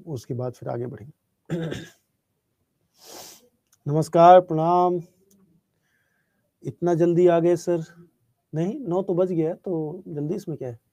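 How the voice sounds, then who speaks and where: Soft-spoken man teaching a calm online class. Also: a little high, no room sound. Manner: reads out student chat questions and answers them. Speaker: online exam-prep teacher. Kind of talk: live online class, chatting with students.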